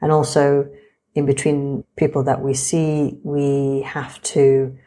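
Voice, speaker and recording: A woman explaining things in a measured, orderly and fairly formal way, as a surgeon narrating a vlog. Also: rumbling low, little pitch movement, dark tone. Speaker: breast surgeon and vlogger.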